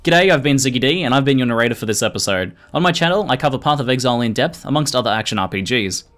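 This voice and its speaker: A man reading scripted video narration in a measured, informative manner. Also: medium pitch, expressive, fairly bright tone. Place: voice-over recording. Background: music.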